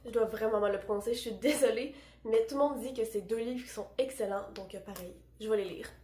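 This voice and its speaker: A woman's voice: on the high side, a little fast, dark tone. Chatty Québécoise woman in a roomy room. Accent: Québécois French. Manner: chatty, enthusiastic, self-deprecating. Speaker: book vlogger. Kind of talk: casual book chat.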